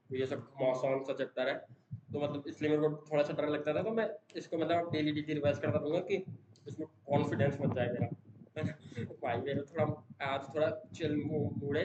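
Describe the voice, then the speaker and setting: A young student vlogger talks in a rambling, casual way, leaning on fillers and tag questions. His voice sits a little high. The recording is dull, with room echo and steady background noise. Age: young adult. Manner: says he talks fast, in one breath. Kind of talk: casual daily study vlog. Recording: echoey room, dull sound, noisy background.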